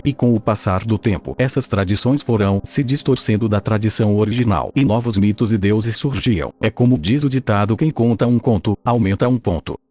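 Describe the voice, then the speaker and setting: A man's voice: lowish voice, a little mellow. A synthetic, robotic male voice with a Brazilian accent, reading scripted explanatory narration. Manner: robotic, synthetic text-to-speech delivery.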